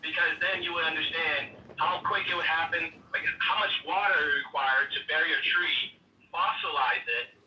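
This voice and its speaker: Brief: a bright-toned male caller pressing his questions, heard far off and roomy. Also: on the high side, slight background noise. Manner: quick, halting questions with many restarts. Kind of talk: call-in debate.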